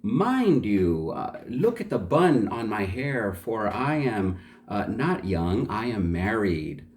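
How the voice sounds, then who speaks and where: A man's voice: on the low side, sing-song, slow pace, a little mellow, slight background noise. A man storyteller reading the lines of a cautious young married woman in a folk tale. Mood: wary.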